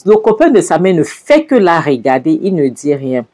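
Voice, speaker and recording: A woman's voice: low-pitched, sing-song, moderate pace, dark tone. A woman casually retelling a film scene by scene and adding her own chatty asides. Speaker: movie recap narrator. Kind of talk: casual storytelling recap of a film.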